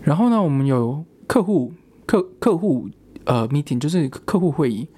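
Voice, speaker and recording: A man's voice: on the high side, animated, normal speed, warm tone, slight background noise. A young man, a student, telling a rambling personal story in casual chat, with frequent restarts.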